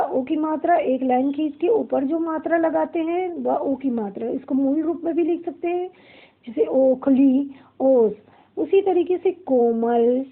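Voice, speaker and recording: Slow, patient woman teaching a lesson. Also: sits high. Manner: slow, repeats questions and answers them herself. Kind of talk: classroom grammar lesson. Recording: tinny phone-like audio.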